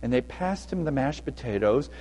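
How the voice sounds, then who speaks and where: Animated man telling a story in church. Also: medium pitch, normal speed. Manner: animated, playful, laughing. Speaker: storyteller at a children's sermon. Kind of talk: children's sermon storytelling. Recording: long church reverb.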